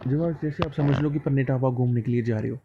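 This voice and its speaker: A man teaches idioms to exam candidates, talking in a loose, chatty way. He asks questions and answers them himself, and sometimes acts out short dialogues. His pitch sits in the middle range, and a faint hiss and a few clicks run behind him. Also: quick pace, gravelly, highs cut off. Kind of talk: casual classroom explanation of idioms.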